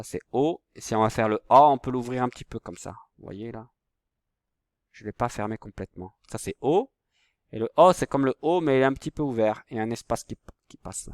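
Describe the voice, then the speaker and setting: A man's voice: mid-range voice, no room sound, clean studio sound. A man teaching a phonics lesson to young children, patient and stretching out each word. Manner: slow, patient, stretches words out.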